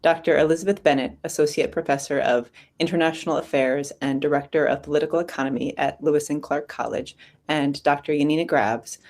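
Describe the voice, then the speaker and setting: A conference host delivers a scripted welcome. The tone is formal, and the host reads out the panelists' names and titles. The pitch sits in the middle range. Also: darkish tone. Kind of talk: scripted introduction.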